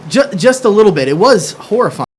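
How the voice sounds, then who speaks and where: A man appearing as a guest on a casual political talk show, laughing and animated. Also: high voice, brisk, slight background noise. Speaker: studio guest. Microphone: studio mic in the corner.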